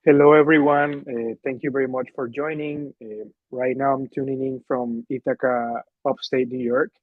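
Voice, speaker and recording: A man's voice: medium pitch, level tone, moderate pace, no room sound. A man from Colombia, studying law, introducing himself politely on a video call, with small stumbles. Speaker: program fellow and law student. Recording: dry, tinny phone-like call audio.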